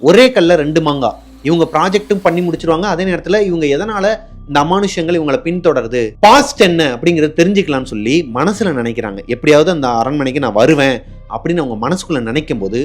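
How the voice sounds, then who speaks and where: A man from narrating a horror story, acting out the characters' lines and dropping low and quiet for suspense. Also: expressive, fast talker. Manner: acts out dialogue, drops low and quiet for suspense. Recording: faint background music.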